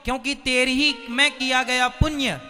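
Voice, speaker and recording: Male preacher for a devotional sermon: high, sharp and bright, dramatic storytelling, reverberant hall with soft music. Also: flat delivery, normal speed. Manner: dramatic storytelling, exhorting the crowd.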